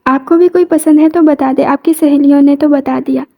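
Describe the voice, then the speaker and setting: A woman's voice: high voice, fairly even intonation, moderate pace, vocal fry, narrow, tinny audio. A woman voicing an awkward, well-meaning young male student. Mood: earnest.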